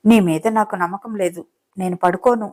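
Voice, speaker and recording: A woman voicing a wary young middle-class woman in a romance audiobook, firing off sharp, scolding retorts. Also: on the low side, a little fast, close to an everyday voice. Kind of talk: audiobook character reading.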